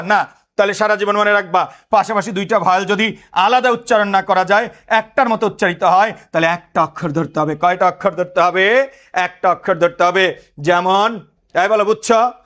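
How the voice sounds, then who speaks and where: A man's voice: sits high, moderate pace, a bit bright. A man, teaching a lecture and quizzing students with repeated questions. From Bangladesh.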